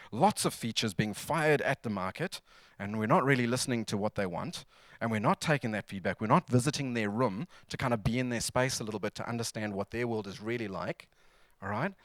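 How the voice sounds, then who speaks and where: Speaking fairly quickly in a mid-range voice with no echo, this male conference speaker keeps his talk chatty and jokey. He often asks the audience to respond with nods while addressing them at a conference venue.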